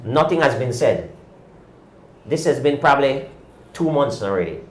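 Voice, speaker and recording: Speaking at a medium pitch and a moderate pace, this man sounds expressive as he rants indignantly in an echoey room. He's a cycling podcast host in his fifties, pressing his opinions with repeated rhetorical questions.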